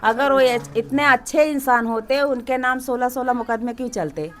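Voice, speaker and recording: Earnest bright-voiced eastern UP woman. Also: fairly high pitch, normal speed. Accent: Bhojpuri-Awadhi eastern Uttar Pradesh. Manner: grieving, wailing lament then earnest complaint. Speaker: victim's family member. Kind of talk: interview about a local crime case.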